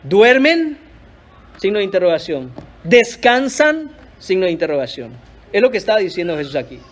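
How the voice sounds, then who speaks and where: High-voiced man preaching earnestly. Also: animated, quick pace, a little mellow. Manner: earnest, emphatic preaching, addresses listeners as brothers. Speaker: pastor. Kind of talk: sermon. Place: church.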